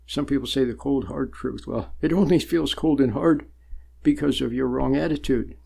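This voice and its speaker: Gravelly, husky man giving a slow sermon. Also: medium pitch, dark tone. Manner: slow and deliberate, with long pauses and sudden emphatic rises. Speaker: spiritual teacher. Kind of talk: sermon-like spiritual talk.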